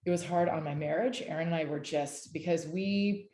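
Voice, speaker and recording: Woman in her 40s, lowish pitch, dark mellow tone, rambling earnest talk, echoey video call. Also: normal speed. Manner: earnest, rambling, with frequent restarts and affirmations. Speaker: discussion leader. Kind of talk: casual video-call chat.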